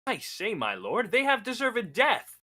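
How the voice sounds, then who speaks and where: A student actor playing a trusting, rueful English lord in a Shakespearean radio play, declamatory and measured. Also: mid-range voice, wildly swooping pitch, sharp tone, full character voice. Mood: deferential.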